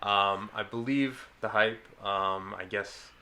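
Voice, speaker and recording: A man's voice: lowish voice, fairly even intonation, takes it slowly, pushed and bright. A man speaking as a podcast guest in casual chat, laid-back and hesitant, often trailing off mid-thought.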